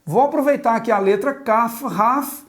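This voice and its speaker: The speaker is a Hebrew teacher with a fairly high voice who talks at a moderate pace. Working at a board in a slow, patient lesson, she spells out the sounds singly and has the viewer repeat after her.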